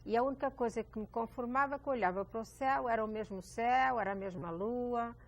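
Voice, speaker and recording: A woman's voice: on the high side, fast. An older woman from Portugal, talking as a guest in a reflective, hesitant way with small restarts. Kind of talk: casual chat.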